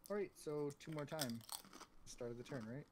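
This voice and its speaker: A man's voice: a little high, normal speed, background noise. A man chatting casually on a board game stream, explaining rules in a matter-of-fact way. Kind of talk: casual chat while learning a board game.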